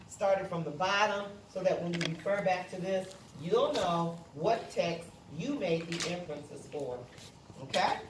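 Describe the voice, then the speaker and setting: A woman with a medium-pitched, slightly bright voice leads a classroom lesson indoors, explaining each step, saying things more than once, and checking in with students. The sound is roomy and noisy, as the mic sits far away.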